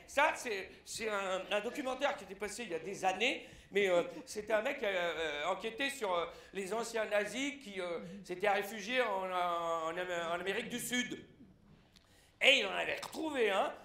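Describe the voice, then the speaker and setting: A man performing a satirical press review on stage, animated and breaking into shouted punchlines. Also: high voice, moderate pace, roomy sound. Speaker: stand-up satirist. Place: theatre stage.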